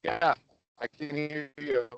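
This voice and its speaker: A man calling into a group video call from his car, his voice coming through dull and dry over the line. The connection breaks up. He reports in a relaxed, unhurried way, full of ums and uhs. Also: fairly high pitch, smooth, no echo. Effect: joining a group call remotely, connection breaking up. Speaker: deer biologist. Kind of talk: casual report at a board meeting. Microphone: phone or laptop on a video call.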